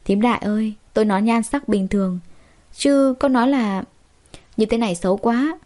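A woman's voice: on the high side, moderate pace, natural voice. Give me a woman playing a haughty, irritable young rich wife for an audio story. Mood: irritated. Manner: sharp, complaining.

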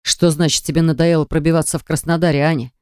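A woman voicing a tense young husband who talks in a low, strained growl. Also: flat delivery, fast, clear, resonant tone, dry recording, clean studio sound, lightly acted. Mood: shouting.

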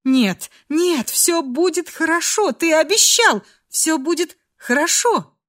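A woman's voice: very high-pitched, lively intonation, takes it slowly, pitched above the performer's own voice, exaggerated voice. A woman voicing a desperate, fierce young heroine who pleads and cries out. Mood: desperate pleading. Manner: pleading, crying out.

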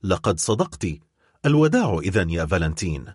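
A man reading an audiobook, voicing a desperate young man in love, speaking gravely and with resolve. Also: mid-range voice, wildly swooping pitch, fairly quick, no echo, studio quality.

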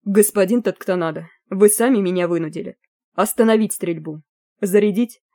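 A curt, commanding military officer giving firm orders, read by a woman narrating a storybook. The tone is mellow and dark, close and dry. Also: medium pitch, normal speed, dry recording, close to an everyday voice. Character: grim military commander, adult man.

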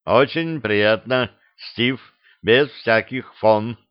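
A man playing a blunt, rough-spoken gang chief. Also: mid-range voice, drawn-out words, dry recording. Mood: wry. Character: blunt male gang leader, gruff and easygoing. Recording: slightly dull dry recording.

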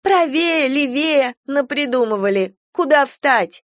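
A woman voicing a vicious young girl with a bratty, taunting, shrill manner. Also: animated, slow, dry recording, studio quality. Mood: playful bratty. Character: feral young girl turned vicious predator.

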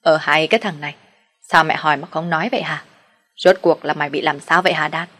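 A woman's voice: low voice, fairly even intonation, fast, fairly bright tone. A woman doing a nagging middle-aged mother. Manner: nagging, then soothing.

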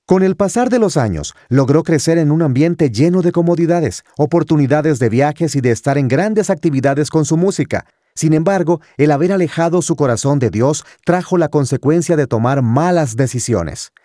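A man's voice: a little high, lively intonation, dark tone, dry recording, studio quality. Man announcing a radio program. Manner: formal, measured announcing. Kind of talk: scripted radio introduction.

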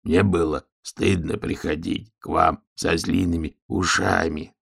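Sad old wolf, low and gravelly, slow and soft; played by a male reader. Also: steady tone, heavily acted. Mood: tearful. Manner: slow, mournful and quiet.

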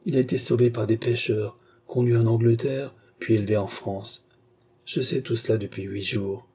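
A man's voice: lowish voice, steady tone, moderate pace, mellow, breathy edge. A man reading aloud, voicing a dying old man who confesses his crimes in a faint, broken, pleading voice. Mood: confessing.

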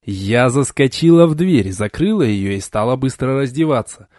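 A man reading an adventure novel aloud as an audiobook, in an expressive storytelling way. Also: medium pitch, moderate pace, no room sound, clean studio sound. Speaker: audiobook reader. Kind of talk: audiobook narration.

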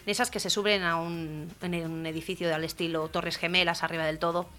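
A woman, hosting a radio comedy show, telling jokes lively and acting out the characters loudly. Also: fairly low pitch, a little fast.

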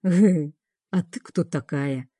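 A woman's voice: on the low side, lively intonation, unhurried, mellow, no echo. A woman voicing a crude, menacing male gang leader with coarse, slangy talk in an audiobook. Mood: scornful.

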